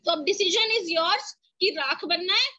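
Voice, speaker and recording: A woman's voice: extremely high pitch, takes it slowly, sharp tone. A woman giving a motivational talk to her team on an online session, telling a story and asking the audience questions. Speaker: motivational speaker.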